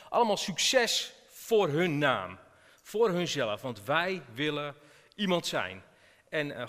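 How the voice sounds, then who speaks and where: A man's voice: medium pitch, a bit bright. A man with a Dutch accent giving an informal sermon in a church, chatty and hesitant, with many fillers and questions to the congregation. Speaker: preacher. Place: church hall. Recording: long church reverb.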